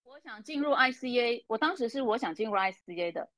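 A woman's voice: fairly high pitch, lively intonation, fast talker, fairly bright tone, no room sound. A woman, co-hosting a casual coaching talk and earnestly sharing her ideas. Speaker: coach, podcast co-host. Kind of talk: casual conversation.

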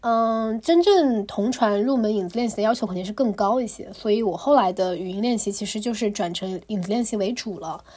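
A young woman hosting a podcast, explaining her study method step by step in a casual, lively way with frequent fillers. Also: mid-range voice, fairly quick, few pauses. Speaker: podcast host. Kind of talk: casual instructional monologue.

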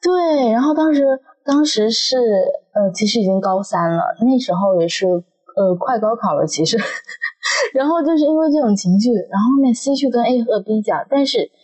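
A woman co-hosting a podcast in casual chat, telling stories in an animated way and laughing often. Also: fairly high pitch, normal speed, low-quality recording. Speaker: podcast co-host.

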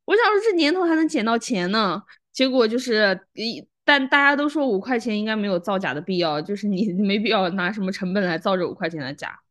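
A woman co-hosting a casual chat podcast, laughing often and talking in halting bits with restarts. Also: mid-range voice, expressive, fairly bright tone. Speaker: podcast co-host.

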